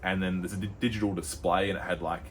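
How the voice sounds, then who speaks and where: A young Australian man co-hosting a podcast, telling a rambling story with lots of fillers and quick put-on voices. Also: deep voice, fairly even intonation, slight background noise. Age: young adult. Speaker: podcast co-host. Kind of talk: casual chat.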